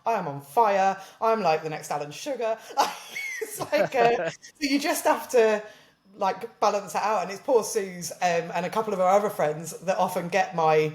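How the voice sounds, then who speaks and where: A woman from southern England, with a southern English accent, appears as a podcast guest in casual chat, laughing often and animatedly retelling conversations. Her mid-range voice has a darkish tone and a moderate pace, and the sound is roomy.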